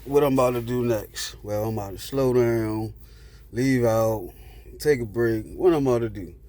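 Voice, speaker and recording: Guy in his car telling a long story, loose slang, swears a lot, mid pitched voice. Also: moderate pace, warm tone. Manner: rambling, profane, street slang. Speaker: vlogger telling a personal story. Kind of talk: casual storytelling.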